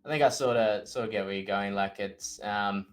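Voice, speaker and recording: Low voice host guy, lots of um and sorta, agreeing along. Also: moderate pace. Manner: agreeable, backchannels, hesitant fillers. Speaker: podcast host. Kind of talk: casual podcast conversation.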